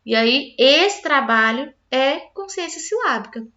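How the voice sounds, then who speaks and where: Woman teacher, high pitch, patient step-by-step explainer, slightly muffled recording. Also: animated, unhurried, pushed and bright. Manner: patient, explains step by step with frequent "tá?" tag questions. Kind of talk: explanatory lesson.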